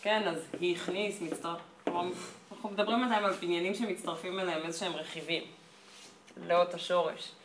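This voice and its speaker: A woman teacher talks her class through grammar points with patient, step-by-step explanations, her voice sitting a little low. She is picked up from across the room, so the classroom echo rings around her, with a faint hum of ambience underneath. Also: steady tone. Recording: echoey classroom from far off.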